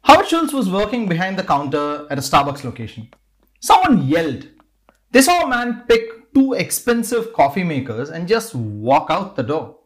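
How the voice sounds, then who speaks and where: A man narrates a scripted podcast story. His voice sits a little high and swings widely in pitch as he builds the drama. He shifts his pacing to suit the tale. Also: huge pitch swings, normal speed. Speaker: podcast host.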